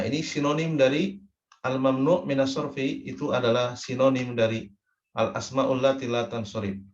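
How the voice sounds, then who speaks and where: A man's voice: mid-range voice, roomy sound, lo-fi sound. Man drilling word forms, patient teacher. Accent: Indonesian. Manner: patient, drills each word ending aloud in repeated patterns. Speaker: Arabic grammar teacher. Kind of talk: recorded lesson.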